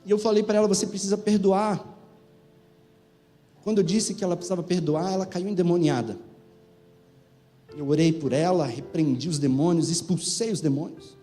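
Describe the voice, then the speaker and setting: A man's voice: high-pitched, moderate pace, long pauses, dark tone. A man in his forties, a pastor with a Brazilian Portuguese accent, preaching a sermon that rises and falls in fervent bursts. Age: 40s.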